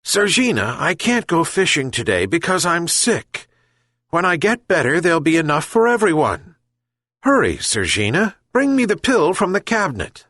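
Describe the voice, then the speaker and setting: A man's voice: a little high, very animated, normal speed, fairly bright tone, no echo, clean studio sound, voice pushed up, full character voice. A man voicing a kind, sick old fisherman who calls out for his pets. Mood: pleading. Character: kindly old male fisherman, ill, pleading.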